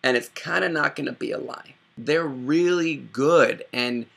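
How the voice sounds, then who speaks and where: A young man from the Chicago area, riffing sarcastically and rambling through a casual comedic vlog, with quick impressions. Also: on the high side, gravelly, a bit bright. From Chicago area, Illinois. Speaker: video host.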